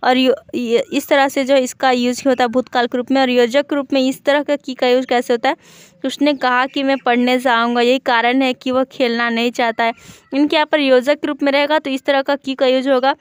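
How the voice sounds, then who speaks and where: High, smooth-voiced woman teaching Hindi spelling. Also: flat delivery, fairly quick, no echo. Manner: explains step by step, listing word examples with many fillers. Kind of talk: online exam-prep lesson.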